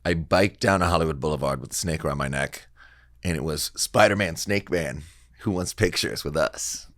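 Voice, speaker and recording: A man speaks in a deep, gravelly voice with a harsh low edge. He tells stories like a comedian on a podcast, in loose, profane, bro-like slang. The sound is close and dry, with hardly any room on it. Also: moderate pace, a bit bright, no echo. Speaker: comedian and actor, guest. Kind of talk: casual podcast chat, telling anecdotes.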